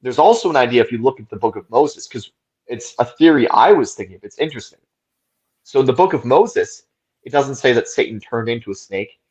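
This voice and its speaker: This co-host's mid-range voice is animated and a little fast, with a darkish tone and a breathy edge, heard through lo-fi sound. He thinks aloud at length in a casual podcast discussion, often tagging his points with "right?".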